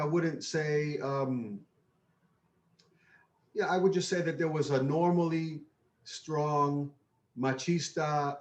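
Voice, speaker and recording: A man from the Bronx reflects in an interview at an unhurried pace, pausing often to choose his words. His voice sits a little high, and the recording sounds roomy and dull, as if captured in an echoey space on a lo-fi mic. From New York (the Bronx). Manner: measured and thoughtful, with many pauses. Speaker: guest, father.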